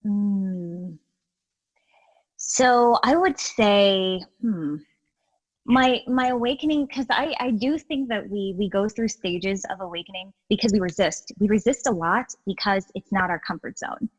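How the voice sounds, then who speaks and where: Speaking at a measured pace in a mid-range voice, this Guyanese interview guest works as a healer and educator. She chats casually but earnestly and animatedly, frequently restarting, adding asides and saying "you know." The recording is low quality.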